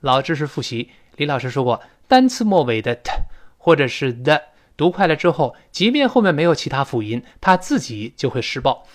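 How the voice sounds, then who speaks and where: Animated male English teacher. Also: a little high. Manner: drills words by repeating them slowly; emphatic, explanatory. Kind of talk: pronunciation lesson in Chinese.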